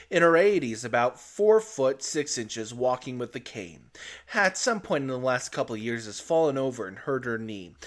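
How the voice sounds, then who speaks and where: A man hosting and narrating online forum stories aloud in an expressive storytelling manner. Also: medium pitch. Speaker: host reading online stories.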